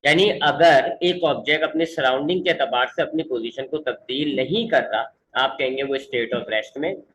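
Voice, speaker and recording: Bright-voiced man teaching physics. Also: mid-range voice, slight background noise, rough recording. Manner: mixes English definitions into Urdu-flavored explanation, repeats for emphasis; speaks slowly and deliberately. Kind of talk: online classroom lecture.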